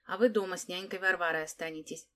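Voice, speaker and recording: A mischievous little girl in a storybook tale, voiced by a woman reader, talking with decisive self-importance. The tone sits a little above the reader's low-ish voice. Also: fairly even intonation, fast talker, sharp tone. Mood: self-important.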